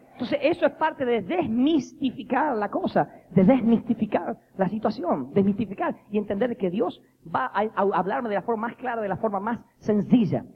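A man preaching a lively, jokey sermon, acting out the voices he quotes. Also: very high voice, husky. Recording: dull lo-fi recording with faint noise.

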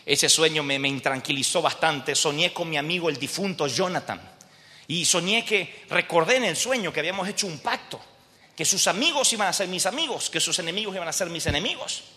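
A man's voice: on the high side, expressive, a little fast, sharp tone. A man preaching in a reverberant hall who voices a troubled, grieving king, earnest and stumbling over his words.

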